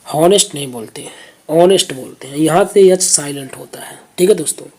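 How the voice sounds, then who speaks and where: A woman's voice: deep voice, quick pace, mellow, breathy edge. A woman teaching reasoning, patiently explaining exam questions step by step and checking in with her viewers.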